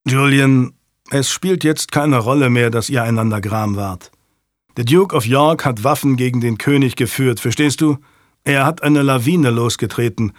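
A man voicing a stern middle-aged nobleman who talks to his sons in a measured, grave way. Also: medium pitch, no room sound, studio quality, natural voice.

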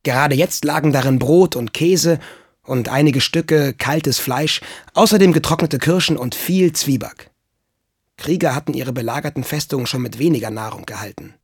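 Husky man reading a children's story. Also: on the high side, no room sound, studio quality. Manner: lively, expressive storytelling. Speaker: narrator.

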